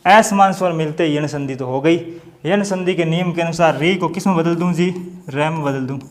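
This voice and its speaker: A man with a Hindi accent teaching a grammar lesson, explaining step by step and asking questions that he answers himself. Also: sits high. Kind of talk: classroom-style grammar lesson.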